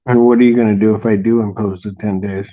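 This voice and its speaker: A man serving as judge speaks in a low, dark tone. His questions come blunt and clipped. The sound is a muffled, lo-fi courtroom recording. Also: fairly even intonation, fast talker. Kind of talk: courtroom proceedings.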